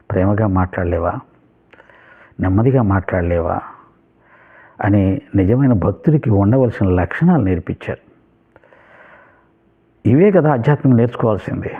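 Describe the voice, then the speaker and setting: A man giving a devotional discourse, telling a story and moving between calm explanation and emphatic points. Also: medium pitch. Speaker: spiritual teacher. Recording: phone-like narrow sound.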